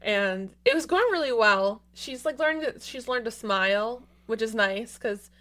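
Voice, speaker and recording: Brief: woman in her thirties, slightly high voice, gushing casual podcast chat. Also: a little slow, a bit bright. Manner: chatty, gushing, many filler words. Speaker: podcast co-host.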